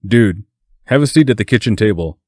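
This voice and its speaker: A man playing a playful young man in a storybook, teasing and upbeat, in a low voice close to the reader's own. The sound is dry and close. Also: animated, a little fast, no room sound.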